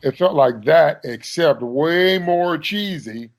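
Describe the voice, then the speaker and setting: A man's voice: fairly high pitch, animated, slow pace. A man co-hosting a podcast, casually recapping a TV episode and acting out scenes in mock quotes. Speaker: podcast co-host. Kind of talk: casual chat.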